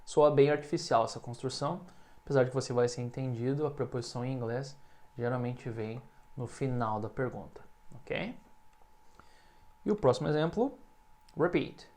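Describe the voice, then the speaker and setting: Brazilian man teaching English slowly. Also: medium pitch, a little mellow. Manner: explains patiently, repeats English examples slowly and clearly. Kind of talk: language lesson.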